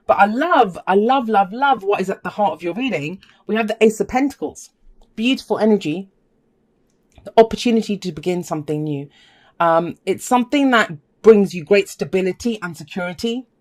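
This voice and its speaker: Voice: mid-range voice, lively intonation, fairly quick, darkish tone. Chatty, enthusiastic tarot reader. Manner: enthusiastic, emphatic repetition, chatty asides. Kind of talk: casual spoken tarot reading to viewers.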